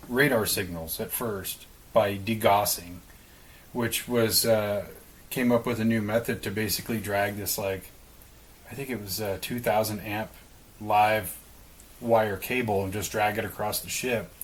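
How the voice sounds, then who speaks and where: A man's voice: lowish voice, fairly even intonation, measured pace, poor audio. A man co-hosting a podcast, casually explaining a story with some swearing and speculation. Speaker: podcast co-host. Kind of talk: casual conversation.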